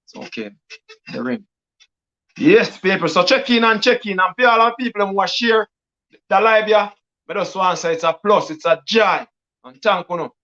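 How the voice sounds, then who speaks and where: A man's voice: high voice, moderate pace. Hyped Jamaican man hosting a stream. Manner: patois-laced hype talk, repetitive shout-outs. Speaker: DJ and livestream host. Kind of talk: casual live-stream chat. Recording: dull lo-fi stream audio.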